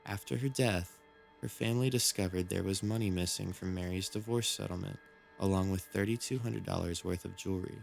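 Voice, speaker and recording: A man reads scripted true-crime horror narration in a measured, solemn storytelling manner. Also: low-pitched, creaky. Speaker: narrator of a creepy mystery series. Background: background music.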